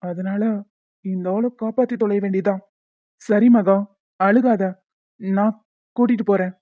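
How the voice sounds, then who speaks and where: A woman's voice: medium pitch, fairly even intonation, measured pace, dry recording, close to an everyday voice. A woman voicing a scheming young husband in a cartoon serial, scornful and muttering his plans. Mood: grudging. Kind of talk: Tamil cartoon serial voice acting. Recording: dull lo-fi sound.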